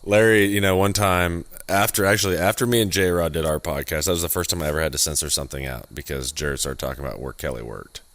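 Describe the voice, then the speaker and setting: A man's voice: low-pitched, quick pace, hardly any pauses, fairly bright tone, dry recording. A young man co-hosting a podcast in casual chat, loose and profane, rambling and restarting his sentences. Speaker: podcast co-host.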